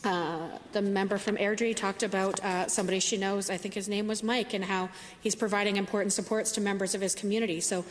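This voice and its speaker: A woman's voice: mid-range voice, steady tone, brisk, hardly any pauses. A woman government minister giving an earnest floor speech in a legislative chamber, with frequent filler sounds. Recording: long hall reverb with faint noise.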